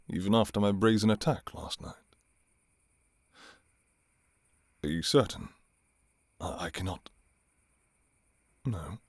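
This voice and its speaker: A man playing a courtly, restrained vampire king in an intimate ASMR role-play, speaking formally and softly with some hesitation. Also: deep voice, breathy edge, no room sound, studio quality, heavily acted. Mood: torn, yearning. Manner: formal, archaic, hesitant, soft-spoken. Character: courtly adult male vampire king, restrained, yearning for his enemy.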